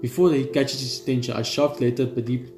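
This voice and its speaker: A darkish-toned man with a mid-range voice reads through a visual novel in a let's play at a fairly quick clip, keeping his intonation fairly even. He sometimes stumbles, rereads lines, and comments on the side. The room echoes, and game music runs underneath.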